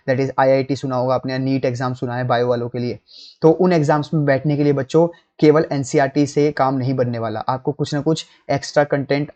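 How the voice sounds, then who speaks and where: A man's voice: medium pitch, darkish tone. A man teaching a chemistry lesson over slides. He talks to his students as kids and keeps checking in with them. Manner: addresses students as kids, checks in with "theek" and "hai na". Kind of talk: classroom lecture to students.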